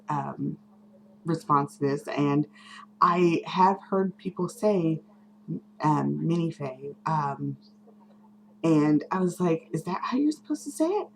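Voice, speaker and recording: A woman's voice: deep voice, a little hiss or hum, poor audio. A woman vlogger chatting casually to camera, rambling with lots of fillers, restarts and small laughs. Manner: self-correcting, unsure.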